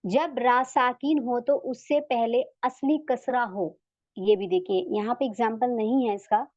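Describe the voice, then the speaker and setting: A woman with an Urdu accent teaching recitation rules, patiently repeating example words slowly. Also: a little high, fairly even intonation, darkish tone, no echo. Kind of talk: slow step-by-step tajweed lesson. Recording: dry, dull lo-fi audio.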